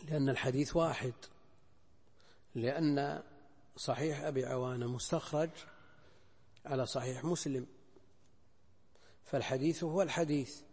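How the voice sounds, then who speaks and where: An older man lectures on a classical text, slowly weighing alternatives and repeating his points. His voice is a little husky. The sound carries the long reverb of a large hall. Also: medium pitch, steady tone, darkish tone. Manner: deliberate, repeats phrases and weighs options aloud. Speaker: Islamic scholar teaching hadith. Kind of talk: recorded lecture explaining a hadith text.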